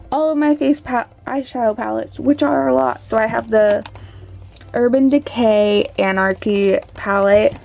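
A woman's voice: on the high side, vocal fry, a little mellow. A young woman chatting casually to camera in a rambling, apologetic way, her speech slightly slurred by an appliance in her mouth for an overbite. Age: young adult. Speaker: beauty vlogger. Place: small bedroom at home.

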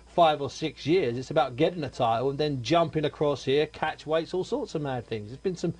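A man's voice: a little high, a little fast, a little mellow, husky. A man hosting a boxing radio show, chatting emphatically and joking with his guests. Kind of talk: radio interview chat.

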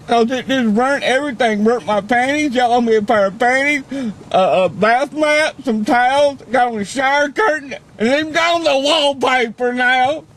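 A man's voice: very high voice, moderate pace, fairly bright tone, slight background noise. A man voicing a crude, whiny Southern woman in a prank complaint, folksy and rambling, recorded inside a car. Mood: whiny complaining. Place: inside a car at a drive-thru window. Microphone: camera in the car.

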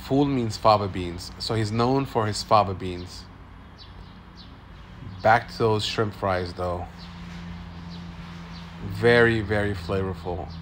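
Filming at an outdoor street food stall on a phone, a man in his forties narrates casually as a food vlogger, offering upbeat commentary like a tour guide. He speaks slowly at a fairly low pitch with long pauses, and a faint hiss or hum runs under the recording.

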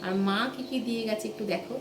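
Chatty Bengali housewife in an echoey home. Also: female voice, on the high side, fast, music in the background. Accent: West Bengal Bengali. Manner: chatty, talks to viewers directly. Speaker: vlogger. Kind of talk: casual home vlog. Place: home kitchen and rooms. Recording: echoey room with household noise.

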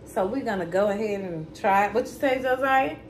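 A woman's voice: medium pitch, expressive, brisk, slight background noise. A woman in her thirties hosting a casual cooking vlog from her home kitchen, chatty and talking straight to her viewers. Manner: chatty, addresses viewers as y'all and baby. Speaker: cooking channel host.

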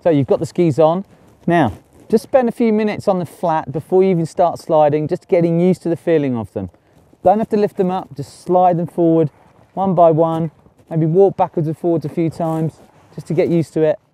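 A middle-aged man presenting an instructional lesson as a ski instructor, explaining clearly step by step outdoors. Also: on the high side, moderate pace, mellow. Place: outdoors on a snowy ski slope.

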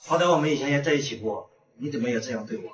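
A man's voice: medium pitch, rapid-fire, crowd noise, natural voice. A man playing a hurt, shabby ex-boyfriend. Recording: echoey, noisy, distant.

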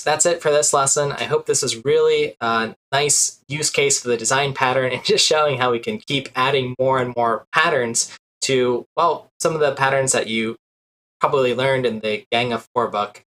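In a rough recording, a programming teacher in his thirties explains code step by step while sharing his screen. His medium-pitched voice has a sharp tone, and he leans on "uh" a lot. He's seated at a desk in a small room.

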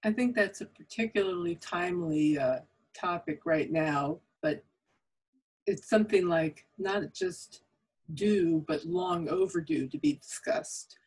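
Woman host on a podcast, kinda husky voice, friendly and easygoing, asking questions into a condenser mic. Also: fairly low pitch, measured pace, darkish tone, low-quality recording. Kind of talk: casual interview conversation. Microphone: condenser mic on a boom arm.

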